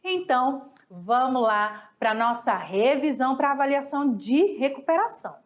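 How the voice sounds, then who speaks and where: A Brazilian Spanish teacher records a review lesson in a high-pitched, animated voice at normal speed. Affectionate and chatty, she calls her students "galera" and explains step by step using paired examples.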